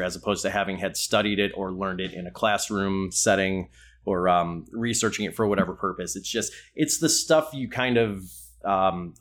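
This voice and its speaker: A man's voice: low-pitched, a bit bright. A man hosting a casual roundtable podcast about trivia, with wry, sarcastic asides. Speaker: podcast host.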